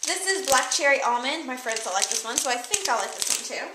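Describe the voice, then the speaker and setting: Chatty high-voiced young woman in an echoey room. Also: animated, fairly quick, heavy background noise. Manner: chatty, rambling, lots of fillers. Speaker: vlogger. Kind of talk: casual product haul chat. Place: room with a table by windows, indoors. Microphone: camera mic a few feet away.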